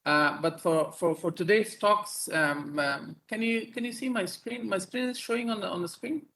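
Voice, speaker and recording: Halting Afghan-born male surgeon, fairly high voice. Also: a bit bright, low-quality recording. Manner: halting, many fillers and repeated words. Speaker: neurosurgeon and professor presenting. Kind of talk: conference talk over video call.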